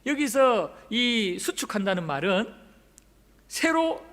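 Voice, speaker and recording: A man's voice: very high voice, big pitch swings, slow, fairly bright tone. A male pastor preaching a sermon, telling the story with dramatic flair and acting out the quoted lines. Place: church sanctuary. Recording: long church hall reverb.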